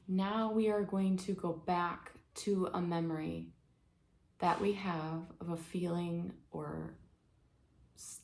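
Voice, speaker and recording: A woman leading a guided healing exercise, speaking in a gentle, soothing way, step by step. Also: on the low side, gravelly. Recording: echoey room with faint ambience.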